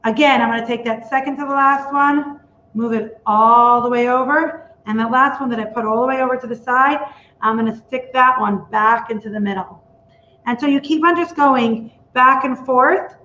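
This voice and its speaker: A woman's voice: a little high, normal speed, bright, forceful tone, slight background noise. A woman patiently explaining each step of a baking demonstration. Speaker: baking instructor. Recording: echoey room with dull lo-fi sound.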